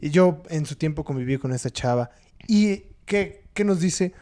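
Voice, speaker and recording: Mexican guy cohost, dark mellow voice, slangy, thinks out loud, swears some. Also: on the high side, animated, normal speed. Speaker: podcast co-host. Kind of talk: casual chat.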